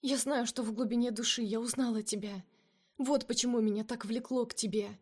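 A desperate young heroine pleads in a raised, emotional voice, pitched noticeably above the reader's own. A woman reader puts her on for an audiobook of a romance novel. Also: steady tone, fairly quick, a little mellow, breathy edge. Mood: pleading. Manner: pleading, emotional, breaking into cries.

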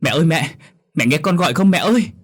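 A man's voice: fairly high pitch, expressive, quick pace, breathy edge, pitched above the performer's own voice. A man voicing a young husband wailing over his dead mother. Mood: wailing grief.

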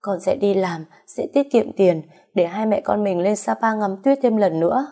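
A woman's voice: mid-range voice, normal speed, dark tone, pitched above the performer's own voice, close to an everyday voice. A woman voicing an anxious, loving young daughter who talks in a pleading, emotional way. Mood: tender.

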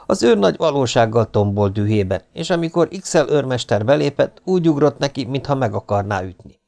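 A male audiobook narrator telling the story in a measured, even way. His voice is of ordinary pitch, and his reading is steady. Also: vocal fry. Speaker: audiobook reader. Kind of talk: scripted narration.

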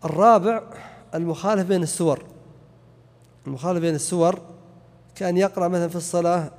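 A man's voice: sits high, fast talker, a little mellow. A man teaching a lesson on a religious text and reciting examples to illustrate each point. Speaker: Islamic teacher. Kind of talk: lecture on a text. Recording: long hall reverb.

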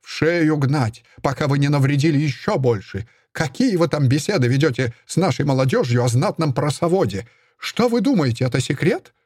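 A man voicing a self-righteous Soviet woman official who shouts accusations in a sing-song, triumphant way. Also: a little high, lively intonation, normal speed, no room sound, studio quality, voice pushed up. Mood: triumphant shouting.

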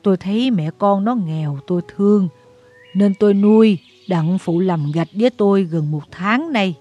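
A humble older working woman in a storybook reading, as a man puts her on with a raised, careful voice. She speaks slowly and respectfully. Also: high voice, dark tone, lo-fi sound, faint music behind, voice pushed up. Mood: deferential. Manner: deferential, slow raised voice.

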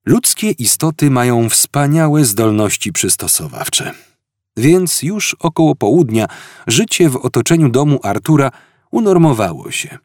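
A man narrating an audiobook with expressive, dryly ironic storytelling. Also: medium pitch, a little slow, dry recording, clean studio sound. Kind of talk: scripted narration.

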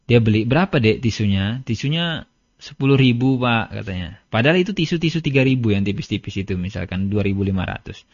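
A man with a mid-range voice gives a casual religious lesson, teaching in a chatty, storytelling way with everyday examples and reading Arabic passages aloud. The lecture recording is dull, dry and lo-fi, with no echo.

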